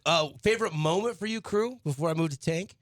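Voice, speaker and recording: A man's voice: on the high side, a little fast, a bit bright, dry recording. A man hosting a sports talk radio show, eagerly stacking questions for the players in the studio.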